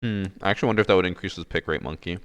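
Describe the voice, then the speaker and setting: A man's voice: deep voice, very fast, clean tone. A man streaming a game, chatting casually and teasing a friend with sarcastic banter. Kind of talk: casual gaming stream chat.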